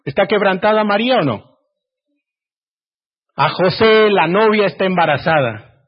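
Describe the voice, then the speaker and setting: High-voiced husky preacher, dull recording. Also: male voice, animated, normal speed. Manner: swings between loud emphasis and hushed, quiet delivery; asks the congregation direct questions. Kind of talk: sermon.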